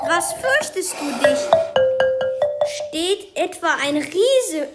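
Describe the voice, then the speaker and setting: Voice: extremely high pitch, very animated, exaggerated voice. Besorgter märchenkönig, vom kind gesprochen, laute musik dahinter. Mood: concerned. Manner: slow, careful reading. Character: caring old king, father. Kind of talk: reading a fairy tale aloud. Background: loud music.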